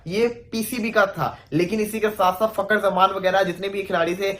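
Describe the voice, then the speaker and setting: A man's voice: high-pitched, steady tone, moderate pace, a bit bright. A man hosting a video, chatting casually and explaining step by step. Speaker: video host.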